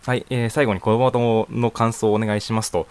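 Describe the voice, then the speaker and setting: A man's voice: on the low side, level tone, fast, darkish tone. A young man in his student years hosting his own net radio show, talking alone in a loose, rambling way with frequent chuckles and fillers. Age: young adult. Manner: rambling, chuckles often, many casual fillers. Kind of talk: casual solo talk answering a voice questionnaire. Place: home room.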